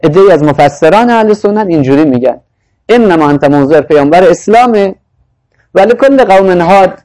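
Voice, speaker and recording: Man preaching, slow Arabic recitations. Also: high voice, animated, a little mellow, low-quality recording. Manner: recites Arabic verses slowly, then explains in a conversational tone. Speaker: Quranic lecturer. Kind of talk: sermon on Quranic verses.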